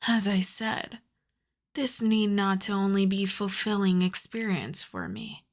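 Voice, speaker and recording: Speaking at a medium pitch with light acting, the woman voicing a seductive vampire countess lingers very slowly over every word in this intimate ASMR roleplay. She sounds hungry and possessive, sliding between a soft voice and a half-whisper, and her teasing commands arrive cloaked in endearments with a playful menace beneath.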